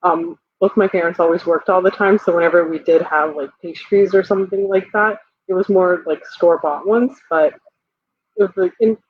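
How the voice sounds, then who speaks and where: A woman's voice: lowish voice, normal speed, breathy edge, dry recording. A young woman from Guyana who grew up in the States, chatting casually as a guest on a video call and saying "like" a lot. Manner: chatty, lots of "like". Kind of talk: casual chat. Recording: tinny, dry phone-like line.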